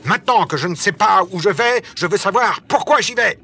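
A man voicing a hot-tempered male captain in a storybook reading, speaking in sharp, shouted demands. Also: fairly high pitch, sing-song, normal speed, breathy edge, faint music behind, pitched above the performer's own voice, exaggerated voice. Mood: agitated.

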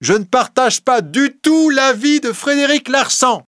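A man voicing a bold, cheeky young male reporter who speaks up loudly and insistently in court. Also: very high voice, animated, unhurried, no room sound, studio quality, voice pushed up, heavily acted. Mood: defiant. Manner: brash, insistent, loud.

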